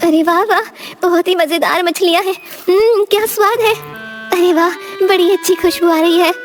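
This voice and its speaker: A woman's voice: extremely high pitch, moderate pace, soft background music, pitched above the performer's own voice. A woman voicing a cartoon village wife who has turned greedy and ravenous, with an exclaiming, theatrical manner.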